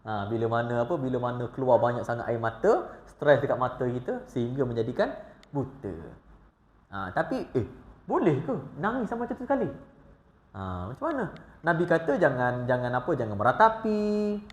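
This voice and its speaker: A man with a Malaysian Malay accent giving an evening lecture on scripture in a mosque, animated and humorous, swinging from hushed asides to loud emphatic lines. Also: medium pitch, brisk. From Malaysia, grew up in Johor. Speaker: religious teacher. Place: mosque prayer hall. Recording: roomy echo from a prayer hall.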